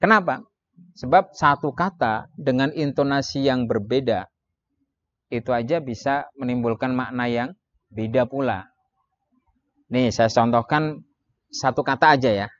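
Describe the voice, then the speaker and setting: A man giving a training lecture on public speaking, with lively delivery that jumps into sudden emphatic rises and slows into drawn-out demonstration phrases. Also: mid-range voice, no echo, highs cut off. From Indonesia. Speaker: Islamic preaching trainer.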